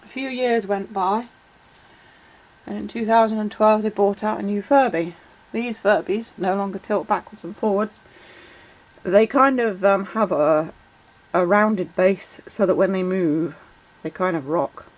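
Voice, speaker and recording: A toy collector vlogger with a cold speaks in a croaky, slightly sore, mid-range female voice at a measured pace over a rough recording. She chats loosely with many ums and uhs, walking through toy details in a relaxed explanatory vlog and reading out shout-outs.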